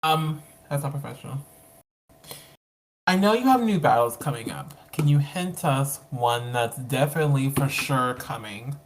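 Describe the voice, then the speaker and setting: Excitable host, mid pitch, lots of likes and ums, casual interview. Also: moderate pace.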